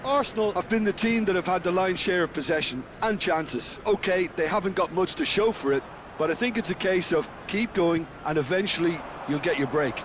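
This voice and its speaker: A male co-commentator breaks down the match in a steady, analytical way. His voice sits high, and clear traffic noise runs under the game audio. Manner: measured, analytical. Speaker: football co-commentator.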